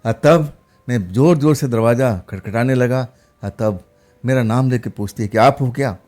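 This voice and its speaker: A man's voice: mid-range voice, normal speed, darkish tone. A man narrating a first-person horror story in a loose, rambling way, with fillers and restarts.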